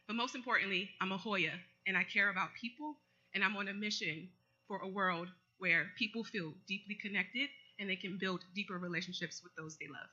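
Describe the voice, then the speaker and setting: A student giving an earnest solo startup pitch. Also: brisk, bright, forceful tone. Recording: slightly muffled event audio.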